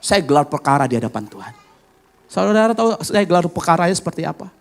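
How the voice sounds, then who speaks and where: A middle-aged male pastor preaching a sermon, swinging from loud, high exclamations to hushed asides, often calling on the congregation for an amen. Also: animated, rapid-fire.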